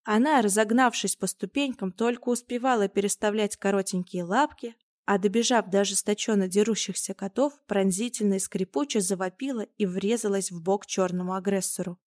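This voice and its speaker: Woman, storybook narrator, steady expressive reading, mid pitch, dry close sound. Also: no room sound. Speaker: audiobook narrator.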